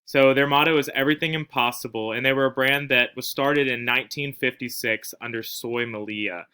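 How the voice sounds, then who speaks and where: A man's voice: medium pitch, fairly even intonation, fairly quick, sharp tone, clear, resonant tone. A man giving a casual recorded class presentation, with frequent fillers and restarts. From not from Spain. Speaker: student presenter.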